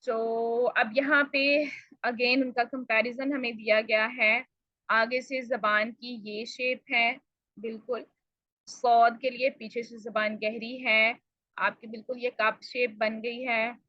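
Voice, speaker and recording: A woman with a slightly high voice teaches pronunciation, explaining patiently and saying each sound again and again so it can be copied. She addresses the learners politely. The recording is dry and a little dull, with no room sound. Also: level tone, dry recording. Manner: explains patiently and repeats sounds slowly to demonstrate. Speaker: tajweed teacher.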